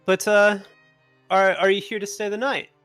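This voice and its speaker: A man's voice: sits high, flat delivery, normal speed, fairly bright tone, clean tone, no room sound, soft background music, pitched above the performer's own voice. A man playing a charming woman innkeeper. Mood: coaxing. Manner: stammering, coaxing, repeats words. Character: charming lean woman innkeeper, former treasure hunter. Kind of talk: game master voicing a character.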